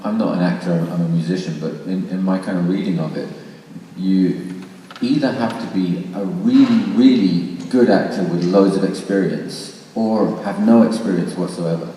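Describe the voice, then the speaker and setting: A man with a deep, warm voice speaks at a moderate pace, thoughtfully and informally explaining his views on a panel. He is in a large, reverberant room at a public discussion. The recording sounds very echoey, with a distant mic and faint noise.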